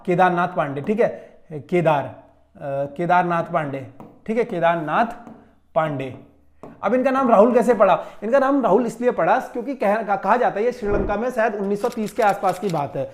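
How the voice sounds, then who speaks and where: This coaching-style teacher has a light, high voice and solves a mock exam in a Hindi grammar class. Answers get explained repeatedly, important words are drawn out slowly, and a frequent "theek hai" checks that students are following before he moves on.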